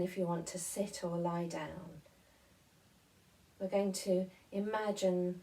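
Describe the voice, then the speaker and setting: Woman doing a gentle guided meditation, really slow, mellow voice, mic a bit far off. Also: on the low side. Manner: gentle, soothing, unhurried instruction with pauses. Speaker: guided relaxation and devotional movement leader.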